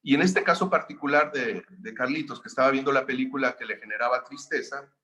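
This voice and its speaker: A man with a Mexican accent, a seminar facilitator, calmly narrating a story to explain a lesson. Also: mid-range voice, a little fast. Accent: Mexican Spanish. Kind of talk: storytelling lecture.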